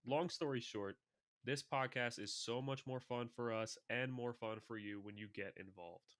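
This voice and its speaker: A young adult man co-hosting a casual fantasy football podcast, talking in an animated, excitable way. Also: mid-range voice, normal speed, dry recording, clean studio sound. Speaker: podcast co-host.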